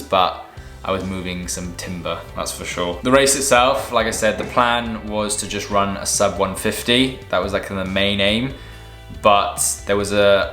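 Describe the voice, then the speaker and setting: Guy chatting casually for a vlog, low bright voice, roomy echo with guitar music behind. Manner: conversational, matter-of-fact. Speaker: vlogger and amateur runner.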